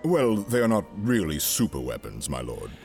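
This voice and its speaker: Guy acting a haughty space empire governor, really deep voice, formal and theatrical, audio drama with music under it. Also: very animated, moderate pace, a little mellow. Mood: deferential, uneasy. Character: brooding, haughty male imperial governor with dark secrets.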